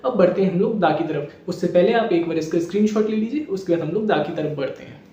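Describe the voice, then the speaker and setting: A male teacher walks through grammar examples, asking questions and answering them himself. His voice sits high with a mellow, dark tone. The sound is dull and distant, with heavy echo from the room. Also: fast talker. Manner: repetitive question-and-answer explaining. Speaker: English teacher. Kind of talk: classroom grammar lesson.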